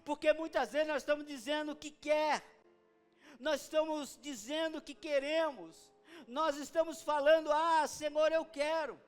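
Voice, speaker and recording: A man preaching a sermon, moving between quiet, close talk and fervent shouting. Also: extremely high pitch, moderate pace, faint music behind. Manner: swings from soft intimate talk to fervent shouting.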